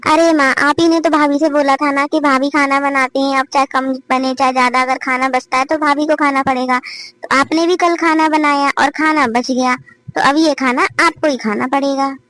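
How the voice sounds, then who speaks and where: A woman's voice: sits high, steady tone, normal speed, a bit bright, no echo. A woman voicing a caring, firm young sister-in-law in a cartoon family drama, lecturing her mother.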